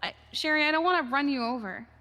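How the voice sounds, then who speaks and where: A woman's voice: high voice, lively intonation, quick pace, big-room sound, crowd noise. A woman playing an easygoing, agreeable customer in a casual game role-play, hesitant and repeating phrases. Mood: surprised.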